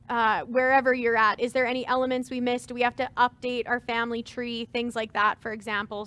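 A woman in her thirties speaks on a webinar panel on a stage with dark curtains, acting as a farm transition advisor. Her voice is on the high side, bright and forceful, and she gives earnest planning advice peppered with fillers.

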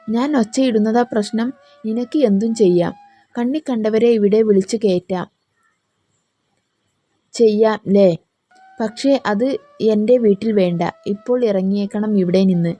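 A woman voicing a hot-tempered, jealous young man who shouts accusations in an audio story. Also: mid-range voice, steady tone, a little slow, faint music behind, natural voice. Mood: angry.

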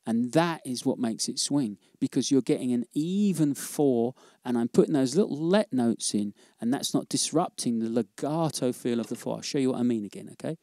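A man teaching jazz drumming in a casual, relaxed way, often checking in with "okay?". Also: mid-range voice, moderate pace, hardly any pauses, dry recording, studio quality. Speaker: drum teacher. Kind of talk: casual instructional demo.

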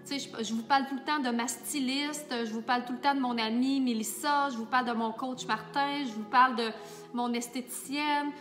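A Québécois woman, a makeup artist and teacher, chatting warmly and enthusiastically to her viewers in a casual vlog. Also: high voice, fairly even intonation, brisk, long reverb tail, faint music behind. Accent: Québécois French. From Quebec. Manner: warm, enthusiastic, talks straight to viewers.

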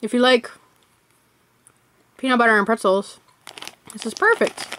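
A woman with a slightly high voice talks casually through a snack-tasting vlog, thinking aloud as she opens each wrapper. A faint hiss sits under the recording. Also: measured pace. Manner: chatty, thinking aloud while unwrapping. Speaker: vlogger.

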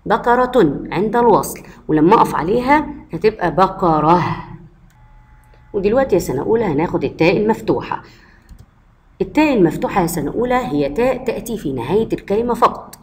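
A woman's voice: mid-range voice, darkish tone. Woman, Egyptian accent, primary teacher, patient, asks and answers her own questions. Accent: Egyptian Arabic. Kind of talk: recorded lesson for first graders.

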